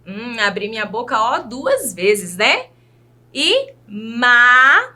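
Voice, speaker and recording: Woman, Brazilian Portuguese accent, teacher, children's video lesson, patient, very lively pitch, slow careful speech. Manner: slow, careful syllable-by-syllable enunciation; patient, addresses young pupils directly.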